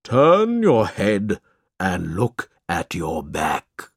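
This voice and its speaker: A stern djinn spirit , played by a man, lays down the law in a deep, unhurried storybook voice. Each word is weighed and drawn out, with a lively rise and fall, close and dry. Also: slightly rough, no room sound, heavily acted. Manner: slow, stern, deliberate. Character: solemn, commanding male djinn spirit. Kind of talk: storybook reading.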